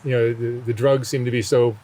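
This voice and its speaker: A man's voice: mid-range voice, little pitch movement, a little fast, mellow. A man asking questions in a conversational documentary interview style. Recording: clear outdoor ambient noise.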